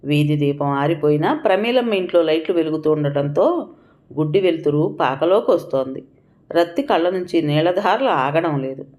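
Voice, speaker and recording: A woman's voice: sits low, expressive, moderate pace, a little mellow. A woman narrating a story as an audiobook, reading with feeling and taking on the characters' cries and pleas.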